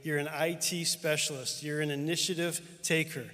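A middle-aged denominational superintendent delivers a heartfelt, storytelling tribute to a pastor friend on stage before a live audience in a large church auditorium. His voice is on the high side, bright and pushed, with a level tone and moderate pace. A long hall reverb surrounds it.

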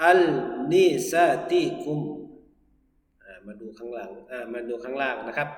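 Man teaching Quran reading in an echoey hall. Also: medium pitch. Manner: slow drawn-out chanting of Arabic words, then soft quick instructions. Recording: echoey room with long reverb.

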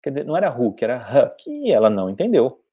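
A man's voice: mid-range voice, wildly swooping pitch, quick pace, slightly rough, highs cut off. A man from Brazil, an English teacher, giving a casual spoken lesson and often checking in with "entendeu?". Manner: conversational, often asks "entendeu?".

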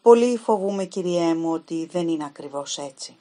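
Woman reader doing a scared young typist, trembling and pleading, husky low voice. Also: lively intonation. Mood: anxious pleading.

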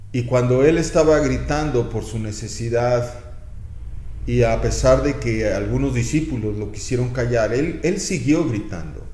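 An older man with a Mexican Spanish accent delivers a sermon at a middle pitch, acting out the cries of people in need and punctuating points with sound effects. His voice rings in a roomy, echoing space. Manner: lively preaching with sound effects and acted pleas. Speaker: pastor.

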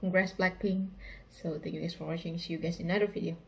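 A woman's voice: fairly low pitch, steady tone, quick pace, creaky. A woman in her twenties with an Indonesian accent, chatting casually to the camera as a reaction vlogger. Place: small bedroom, indoors. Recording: noticeable background noise.

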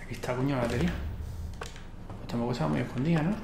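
A man's voice: medium pitch, rapid-fire, gravelly, reverberant, very noisy. A man in his thirties with an accent from Spain, muttering casual, sweary gameplay commentary. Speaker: gaming streamer. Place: indoor room at home.

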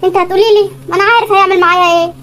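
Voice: extremely high pitch, fairly even intonation, rapid-fire, over a noisy crowd. A performer voicing an exasperated young man in an Egyptian cartoon sketch, speaking with an Egyptian accent and grumbling sarcastically. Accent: Egyptian Arabic. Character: exasperated young man, put-upon fiancé. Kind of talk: animated comedy sketch.

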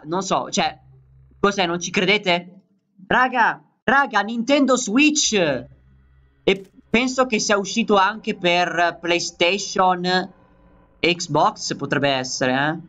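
A man from Italy hosting a gaming channel, giving excitable let's play commentary and calling out to his viewers. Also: sits high.

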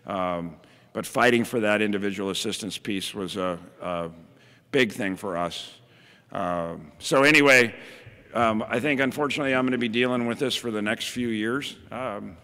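A middle-aged county emergency services director gives a plainspoken keynote at a podium mic in a large, reverberant hall, then takes audience questions. His voice is on the low side with a fairly bright tone, and he often says "um" and restarts sentences.

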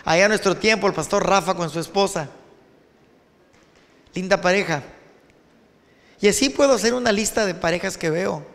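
Animated Mexican preacher in a reverberant hall. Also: male voice, sits high, normal speed, long pauses. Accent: Mexican Spanish. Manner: animated, addresses students directly. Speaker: pastor. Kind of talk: sermon.

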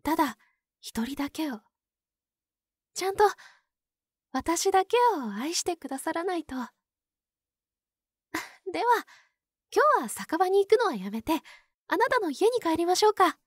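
A woman voicing a pure young nun who is sweetly possessive and obsessive, in a soft, polite ASMR role-play. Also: very high-pitched, sing-song, no room sound, clean studio sound, exaggerated voice. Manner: polite, soft, demure, lingering pauses.

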